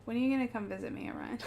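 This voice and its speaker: A woman's voice: on the high side, creaky, very noisy. A woman streaming live while she paints, chatting casually with viewers in a rambling way and laughing often.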